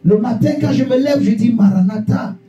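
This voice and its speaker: A man preaching a fervent sermon to a congregation, repeating rhetorical questions and bursting into shouts. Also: very high-pitched, moderate pace, lo-fi sound. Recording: echoey church room, distant mic, faint guitar.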